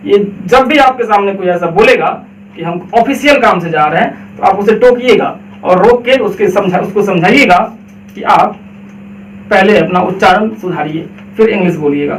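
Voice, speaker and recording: Male teacher with a Bihari Indian accent, unusually high voice, drills pronunciation by asking and answering his own questions; roomy echo, faint ambience. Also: normal speed, far from the mic, a little hiss or hum. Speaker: English teacher. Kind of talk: classroom pronunciation lesson.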